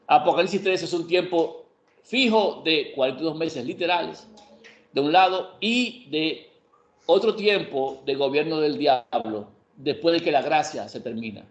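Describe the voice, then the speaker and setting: A man's voice: on the high side, a little slow. Emphatic preacher man in an echoey room. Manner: emphatic, asks and answers his own questions. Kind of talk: Bible prophecy teaching. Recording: echoey room, dull lo-fi sound.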